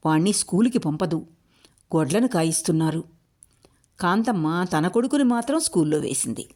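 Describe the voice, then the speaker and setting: A woman steadily reading a short story aloud as a storyteller. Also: fairly low pitch. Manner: steady, measured narration.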